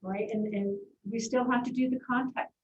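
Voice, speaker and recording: A woman school district administrator giving measured, reassuring remarks at a board meeting. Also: fairly high pitch, steady tone, a little hiss or hum. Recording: distant, roomy, dull meeting-room audio.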